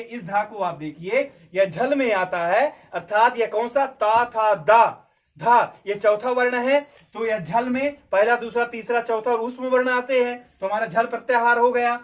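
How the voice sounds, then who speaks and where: A man teaching Sanskrit grammar at a board, repeating each point and asking his students whether it is clear. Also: very high voice. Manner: repeats key points and checks understanding, asking questions aloud. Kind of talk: explaining at a board.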